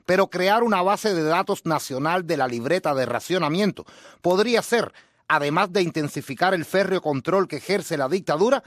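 A man's voice: high-pitched, animated, moderate pace, dry recording, studio quality. A male reporter narrating a news report with a pointed, critical tone.

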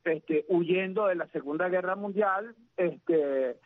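A man from Venezuela, a professor, answering questions in a radio interview, talking in a measured, hesitant way with many fillers. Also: high voice, dry recording. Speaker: guest commentator, professor. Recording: tinny phone line, dry.

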